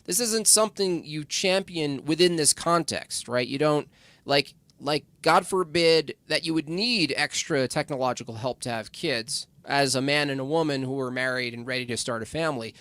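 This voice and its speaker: A man talks in a loose, rambling way, stopping and restarting. His voice sits a bit high for a man. The sound is close and dry, with no room around it. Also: a bit bright, no echo. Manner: rambling, halting, with mocking quoted voices. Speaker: guest. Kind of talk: casual podcast discussion.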